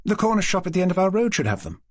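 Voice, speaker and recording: A woman's voice: on the low side, very animated, racing, dry recording, clean studio sound, voice pushed up. A man voicing a cheerful pregnant woman chatting on the phone, in a chatty, teasing manner.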